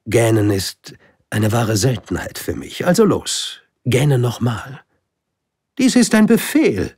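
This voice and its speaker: A man voicing a pompous old king in a storybook, giving loud commands. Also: mid-range voice, big pitch swings, slow, husky, no room sound, studio quality, voice pushed up, full character voice. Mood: commanding. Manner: commanding, declaiming orders. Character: pompous old king, bossy but kindly.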